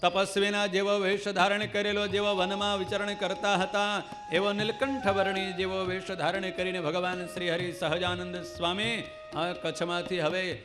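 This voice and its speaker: A man's voice: high-pitched, level tone, moderate pace. Man telling a devotional scripture story. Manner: dramatic storytelling, at times chanted. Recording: clear devotional music with tabla behind.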